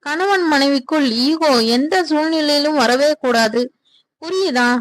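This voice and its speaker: A woman's voice: high-pitched, unhurried. Woman reading as a coaxing, loving mother. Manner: coaxing, reassuring. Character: loving, gently firm middle-aged mother.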